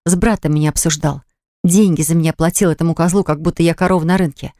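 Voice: mid-range voice, steady tone, fast, warm tone, no room sound, clean studio sound, close to an everyday voice. A reader voicing a hurt, indignant young pregnant woman who reproaches her fiancé in an audiobook. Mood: outraged.

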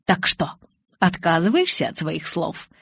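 A woman reading an audiobook, voicing a calm, teasing young male vampire who speaks slowly and softly. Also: vocal fry, slightly rough, no room sound, studio quality, heavily acted. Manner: slow, low, soft-spoken.

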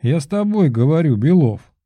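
A man voicing a rude, boastful male pigeon familiar with a shrill, squawking manner. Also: normal speed, mellow, no echo, natural voice. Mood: indignant.

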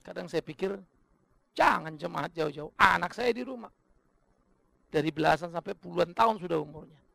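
A middle-aged Indonesian man preaching a sermon, swinging from loud emphatic bursts to low, confiding asides. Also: moderate pace, creaky, no echo. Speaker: pastor.

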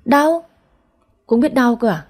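A woman voicing a quick-witted young wife who talks back in a light, teasing way. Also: a little high, lively intonation, darkish tone.

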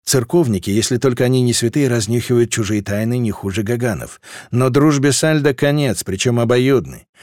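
A man narrating a fantasy novel as an audiobook, in an expressive, dramatic reading. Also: medium pitch, brisk, few pauses, no echo, clean studio sound.

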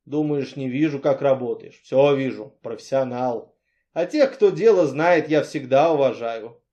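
A man's voice: mid-range voice, a little slow, dark tone, lo-fi sound, close to an everyday voice. Man voicing a brash back-slapping boss. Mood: jovial. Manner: blunt, jovial, bossy.

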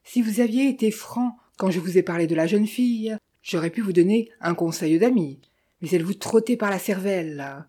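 A woman voicing a sly, smooth-talking male Italian bandit who mocks with false friendliness, in a storybook reading. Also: mid-range voice, normal speed, dark tone, lightly acted. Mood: mocking.

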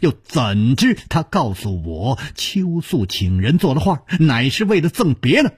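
A restless young swordsman, voiced by a man, mutters his thoughts in a husky, rough voice and jumps into sharp exclamations. His pitch swings widely, and the sound is dry and close. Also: sing-song, slow pace, no echo, exaggerated voice. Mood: startled. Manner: muttering, then bursting into exclamations. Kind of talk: storytelling performance.

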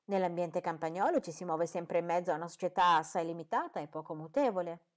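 A woman reading an audiobook, voicing a proud, aloof gentleman who speaks in a dismissive, measured way. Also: lowish voice, natural voice.

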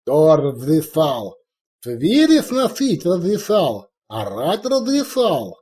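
A man's voice: on the high side, sing-song, slow pace, warm tone, pitched above the performer's own voice. A man voicing a pompous male orc chieftain with a heavy lisp, blustering and raising his voice. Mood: furious. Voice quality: lisp, swaps sounds for "f".

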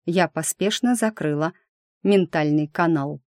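A woman's voice: sits low, a little slow. Woman narrating a fantasy audiobook. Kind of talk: scripted first-person narration.

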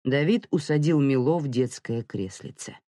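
An audiobook narrator reading a novel in an even, measured storytelling manner. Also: mid-range voice, no echo, studio quality. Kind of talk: scripted narration.

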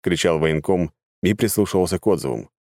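A male narrator with a very low, dark voice reads the story in an even, measured way. The sound is close and completely dry, with no room around it. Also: dry recording. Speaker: audiobook narrator. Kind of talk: scripted narration.

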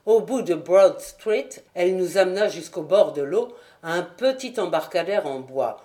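A woman narrating a French audiobook in a steady, clear reading voice. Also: lowish voice, moderate pace. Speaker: audiobook reader. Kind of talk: scripted narration.

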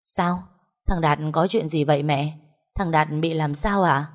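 A woman's voice: low-pitched, unhurried. A woman voicing a worried young married daughter who asks anxious, urgent questions and keeps the peace.

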